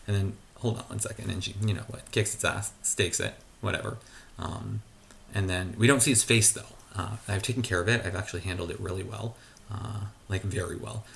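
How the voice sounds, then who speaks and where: Low gravelly man rambling in a garage. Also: steady tone, fairly quick, fairly bright tone, a little hiss or hum. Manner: hesitant, many fillers and restarts. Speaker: vlogger. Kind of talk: casual rambling monologue. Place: garage at home.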